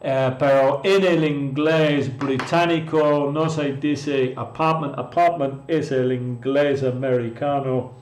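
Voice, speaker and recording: Slow, patient male teacher in echoey room. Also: mid-range voice, steady tone. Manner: patient, repeats words, answers chat viewers. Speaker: English teacher. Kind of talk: live-streamed language lesson. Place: room in Mexico.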